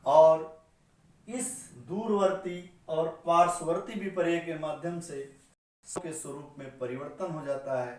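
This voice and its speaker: Slow teacher in a very echoey room. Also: male voice, fairly high pitch, darkish tone. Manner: slow and repetitive, spelling out sounds. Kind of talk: explanatory lecture. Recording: very echoey room, mic far off.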